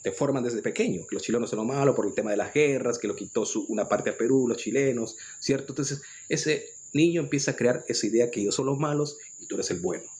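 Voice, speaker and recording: A spiritual commentator from Peru speaks in a Peruvian Spanish accent, delivering an earnest, lecturing spiritual monologue and frequently restarting his phrases. His mid-range voice has a darkish tone, and he talks fast with hardly any pauses.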